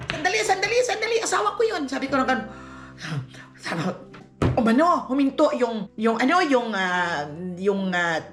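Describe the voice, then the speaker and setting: Filipina vlogger lady, middle-aged, chatty storytelling, acts out the lines, echoey room, soft music behind. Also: fairly high pitch. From Philippines. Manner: animated, acts out quoted dialogue, laughs often. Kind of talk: personal storytelling. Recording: roomy echo with faint music.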